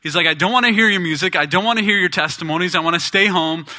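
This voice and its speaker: A man's voice: high voice, fast talker, pushed and bright. A young man from the US Midwest telling his testimony to a church audience, chatty and joking. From Indiana, US Midwest. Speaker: gospel band member giving testimony. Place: church stage.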